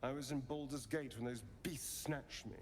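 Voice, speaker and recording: An actor playing a sly, theatrical elven rogue in a video game, talking in a wry, silky, mock-menacing way. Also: male voice, mid-range voice, fairly even intonation, normal speed, a little hiss or hum, lightly acted.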